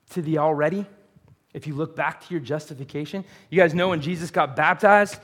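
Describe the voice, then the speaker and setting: A man preaching a sermon in a casual, animated way, full of fillers and rising at times to near shouts. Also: high voice.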